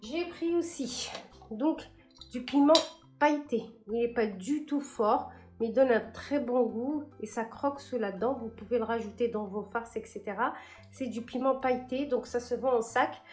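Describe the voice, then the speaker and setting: A woman's voice: fairly high pitch, normal speed, darkish tone, faint music behind. Chatty woman showing her grocery haul. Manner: chatty, hesitant with many fillers and restarts. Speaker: cooking vlogger. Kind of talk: casual shopping haul chat.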